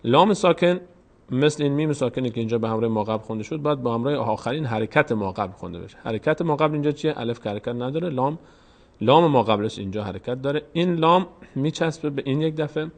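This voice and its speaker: A man teaching a step-by-step Quran reading lesson, patiently explaining each vowel mark and repeating words slowly. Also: medium pitch, expressive.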